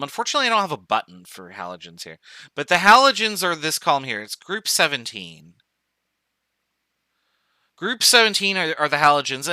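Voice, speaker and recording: A man's voice: a little high, pushed and bright, no room sound. A man teaching an online chemistry class in a casual, joking way, thinking aloud with fillers as he goes. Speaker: chemistry professor. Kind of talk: online lecture.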